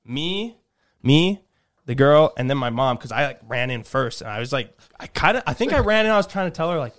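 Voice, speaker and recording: A man's voice: mid-range voice, expressive, quick pace, fairly bright tone. A young man co-hosting a podcast, telling a rambling story in casual chat with frequent laughs. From United States. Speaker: podcast host.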